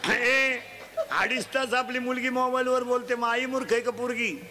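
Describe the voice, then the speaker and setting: A man giving a humorous moral sermon to a festival crowd, teasing and quizzing the children loudly. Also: very high voice, fairly even intonation, normal speed. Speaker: folk preacher addressing a crowd. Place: outdoor festival gathering. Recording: noisy live crowd recording.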